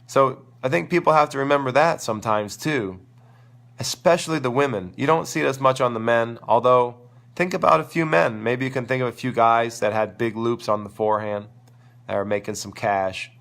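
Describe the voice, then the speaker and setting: Losing his voice to a sore throat, this tennis coach and show host sounds crackly and gravelly yet a bit bright, speaking mid-range at a moderate pace. His live-stream Q&A is enthusiastic and rambling, full of thinking aloud.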